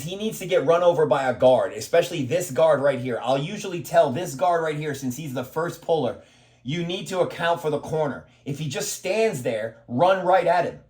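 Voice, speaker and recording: A man coaching football, breaking down a play step by step, emphatic and repeating himself, with a steady "okay?" after each point. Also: on the high side. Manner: emphatic, repeats words while explaining.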